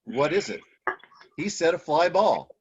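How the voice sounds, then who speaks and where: Brief: male host on a video-call game show, animated pitch, lo-fi audio. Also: measured pace, a little hiss or hum.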